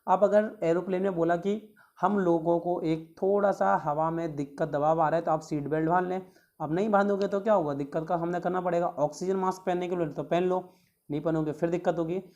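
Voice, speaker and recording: A male teacher going through exam questions one by one. He reads each English question slowly, then explains it in a chatty way, asking the class rhetorical questions. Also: sits high, fairly even intonation, a little mellow. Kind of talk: exam question walkthrough lesson.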